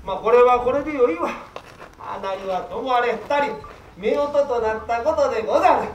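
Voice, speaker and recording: A man acting a doting, easily flustered bridegroom in traditional Japanese kyogen comedy, with declamatory, drawn-out archaic phrasing. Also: extremely high pitch. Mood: delighted. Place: open wooden stage, recorded from the audience. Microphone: far camera. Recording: echoey stage, distant mic, faint noise.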